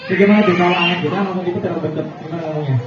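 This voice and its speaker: A man, giving a relaxed religious talk to a room of parents. He chats, chuckles and keeps putting questions to the listeners. The recording is dull and noisy, caught from some way off in a roomy, echoing space. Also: high-pitched, very fast, distant mic. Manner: chatty, asks the audience questions, chuckles often. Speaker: preacher addressing parents. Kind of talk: casual religious talk to an audience.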